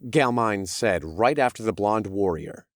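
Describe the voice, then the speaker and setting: A man's voice: fairly low pitch, animated, unhurried, dry recording, clean studio sound. A man narrating a fantasy audiobook in the first person, with wry storytelling.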